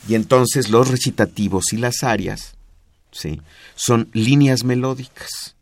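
A man's voice: mid-range voice, unhurried. A man with a Mexican Spanish accent, explaining music history in a didactic, patient way on a radio talk show. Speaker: music expert guest.

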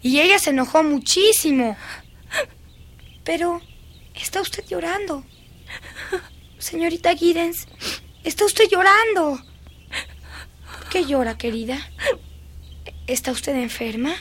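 A woman's voice: sits high, unhurried, pauses often. A woman dubbing a dreamy, eerie little girl who is fascinated by dead beetles, in a lingering, singsong, childlike way. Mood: soothing. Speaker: dubbing actress. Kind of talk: film dubbing.

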